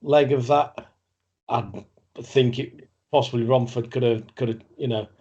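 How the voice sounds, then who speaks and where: A man speaks as a guest on a fan podcast. He starts and restarts, repeating words as he works through his thoughts, at an average pitch. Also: steady tone, a little slow, mellow, muffled recording. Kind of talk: casual podcast chat.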